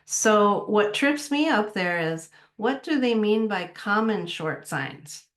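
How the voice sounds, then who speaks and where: A woman editor giving a casual talk on writing style, relaxed and conversational, thinking aloud as she goes. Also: medium pitch, slow. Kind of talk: casual presentation.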